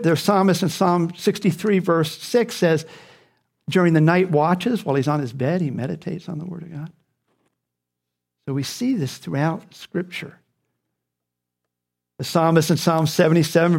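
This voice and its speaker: A man's voice: a little high, a little mellow. A man preaching a sermon, speaking earnestly and repeating key phrases for emphasis.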